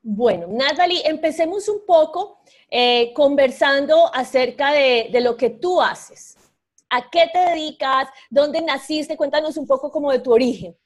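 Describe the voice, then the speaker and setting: A woman's voice: high-pitched, expressive, a little slow. A woman hosting a live online interview over a video call, speaking effusively with many fillers and restarts. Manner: warm, effusive, hesitant with fillers. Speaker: host.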